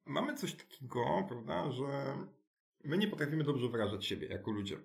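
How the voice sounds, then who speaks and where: A man, a school director, explaining his ideas in a conversational interview, halting with many restarts and tag questions. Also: medium pitch, very animated, creaky. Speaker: alternative school director, guest.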